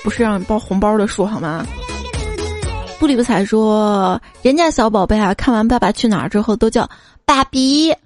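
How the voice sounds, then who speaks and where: A woman hosting a show, reading funny listener stories aloud, giggling often and putting on squeaky voices for the children in them. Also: fairly quick, over music. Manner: giggly, frequently breaks into laughter; acts out children's lines in a squeaky voice. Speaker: host.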